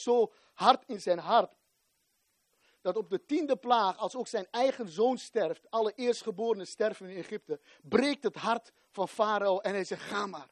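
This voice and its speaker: A man in his forties preaching a fervent sermon, rising to shouts at the climaxes. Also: high voice, dry recording, clean studio sound.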